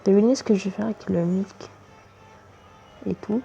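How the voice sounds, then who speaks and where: A gamer doing casual let's play commentary, reacting out loud and exclaiming in frustration at the game. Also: mid-range voice, fairly even intonation, moderate pace, vocal fry, dull audio, soft background music. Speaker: gamer commentating own gameplay for viewers.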